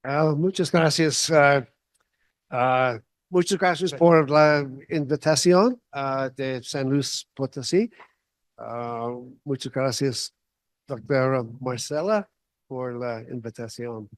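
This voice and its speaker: A man with a North American English accent that carries into his imperfect Spanish, a native English speaker giving a halting conference talk as guest lecturer. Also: medium pitch, no echo. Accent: North American English accent, also when speaking Spanish. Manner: halting, with short phrases.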